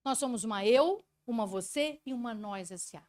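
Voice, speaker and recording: High-voiced woman psychologist explaining. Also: moderate pace, no echo. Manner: explanatory, animated, rhetorical questions. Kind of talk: talk to an audience.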